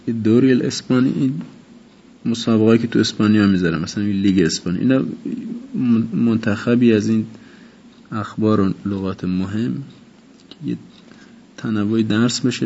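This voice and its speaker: A man teaching an informal vocabulary lesson, repeating each word slowly and explaining its meaning. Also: lowish voice, warm tone, breathy edge. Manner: repeats words slowly and glosses them in Persian. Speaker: Arabic teacher. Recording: dull lo-fi recording with faint noise.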